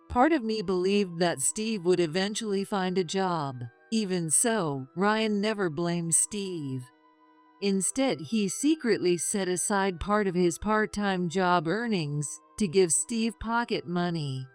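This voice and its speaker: A middle-aged woman calmly narrating a first-person story in a measured, confessional way. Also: mid-range voice. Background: faint music.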